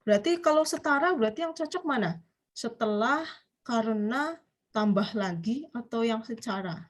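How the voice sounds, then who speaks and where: A woman's voice: a little high, animated, moderate pace. A woman with an Indonesian accent teaching a Japanese grammar class online, explaining step by step and often putting questions to her students.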